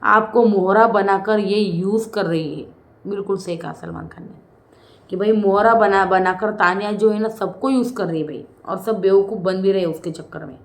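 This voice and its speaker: A woman's voice: medium pitch, normal speed, echoey room. A woman giving casual, chatty commentary as a reality show reviewer, often saying "bhai" and "hmm".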